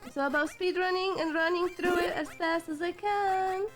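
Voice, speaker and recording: A woman's voice: extremely high pitch, fairly even intonation, normal speed, over music. A woman streamer giving casual, playful and chatty commentary while playing a game. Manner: playful, chatty, sing-song.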